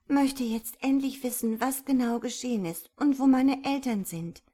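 A woman voicing a frightened young girl who has just lost her parents, speaking in a high, pleading voice and crying. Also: moderate pace, mellow. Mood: anxious.

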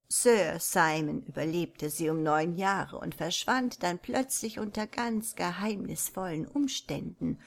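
A woman reading the part of an old housekeeper who speaks softly in an old-fashioned, mysterious way. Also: medium pitch, vocal fry. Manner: soft, hushed, old-fashioned.

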